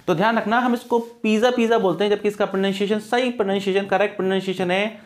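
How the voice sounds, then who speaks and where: A man's voice: high-pitched, fairly even intonation, racing. A man teaching English grammar for exam prep, mixing Hindi and English, with an Indian accent. He asks his class questions and answers them himself, and he drills pronunciation.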